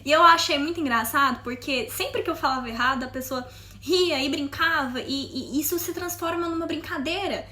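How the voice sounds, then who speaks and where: Bright, high-voiced chatty Mineiro woman. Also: normal speed. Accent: Mineiro Brazilian Portuguese. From Brazil, Montes Claros. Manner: chatty, talkative. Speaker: vlogger. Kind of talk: casual chat to camera.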